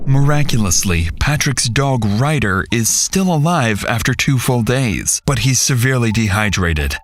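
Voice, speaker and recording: A man's voice: mid-range voice, animated, measured pace, slight background noise. A man reading scripted true-crime documentary narration in a dramatic, suspense-building manner.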